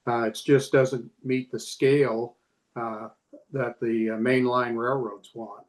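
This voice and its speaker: A man from Idaho, a former state senator, answering on a panel with many pauses and fillers. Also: mid-range voice, little pitch movement, rough recording. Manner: halting, frequent "uh" fillers.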